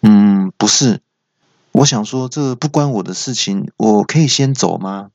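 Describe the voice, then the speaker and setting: A man's voice: on the low side, measured pace, a little mellow, dry recording. A man voicing a timid sixty-year-old farmer, speaking meekly and hesitantly, on a dull lo-fi recording. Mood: sheepish.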